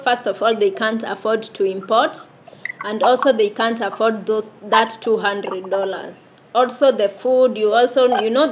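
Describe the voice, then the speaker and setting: A woman in her thirties talks earnestly about her life in a casual interview, often breaking into laughter. Her voice sits fairly high. The recording carries clear background noise. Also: muffled recording. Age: 30s. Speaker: interviewee, domestic worker. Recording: noisy background.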